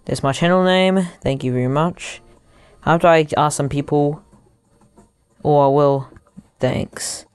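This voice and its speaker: A young man giving casual gameplay commentary into headphones used as a mic, haltingly thinking aloud as he goes. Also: on the high side, smooth, no room sound. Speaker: gaming YouTuber.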